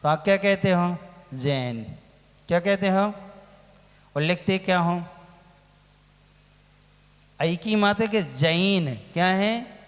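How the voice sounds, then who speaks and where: A man giving a religious lecture as a monk, asking his listeners questions and answering them himself, drawing out key words slowly. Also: sits high. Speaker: Jain monk teaching a scripture class. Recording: long hall reverb.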